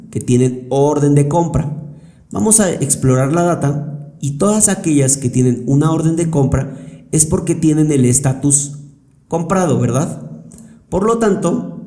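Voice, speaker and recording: A man's voice: medium pitch, mellow. A man with a Mexican Spanish accent giving a patient, step-by-step spreadsheet tutorial over a screen recording, often asking rhetorical questions. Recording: roomy echo.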